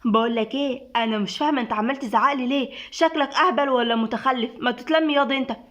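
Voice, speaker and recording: A woman's voice: sits high, a bit bright. A woman voicing a cheeky young woman who fires back mocking retorts, with an Egyptian accent. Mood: sassy. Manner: mocking, quick comebacks.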